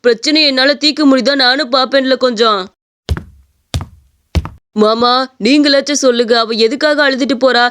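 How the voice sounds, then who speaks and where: A voice actor with a Tamil accent playing a stingy, calm husband in a cartoon story, talking things through. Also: high-pitched, moderate pace, long pauses, slight background noise. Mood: concerned. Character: stingy middle-aged husband, calm and penny-pinching.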